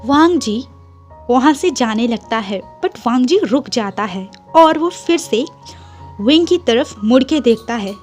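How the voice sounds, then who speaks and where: Woman fan-story narrator, high voice, chatty, soft music bed. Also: animated, a little slow. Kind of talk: casual story retelling.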